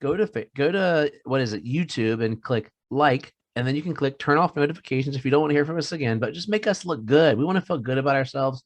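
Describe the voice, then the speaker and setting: Talking fast with hardly a pause, this medium-pitched middle-aged man co-hosts a fantasy football podcast and rambles through casual sports banter. He's jokey and self-mocking, and there's no room sound on the recording.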